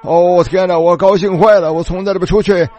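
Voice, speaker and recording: A male preacher telling a story in a sermon, animated and repetitive, retelling dialogue as he goes. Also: high-pitched, fairly quick, faint music behind.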